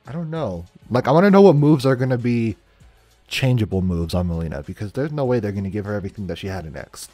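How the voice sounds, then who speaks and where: A man reacting to a video game trailer in casual commentary, swinging between low mumbles and loud excited outbursts. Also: fast, no room sound, faint music behind. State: cold and shivering, early morning. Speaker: reaction streamer.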